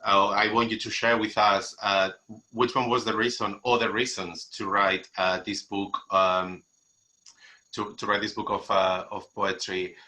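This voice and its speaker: A man's voice: on the low side, level tone, measured pace, sharp tone, low-quality recording. A man hosting an online literary event, introducing guests and asking questions in a hesitant way, often repeating and rephrasing. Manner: hesitant, repeats phrases and gropes for wording. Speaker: event host and interviewer. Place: remote video call.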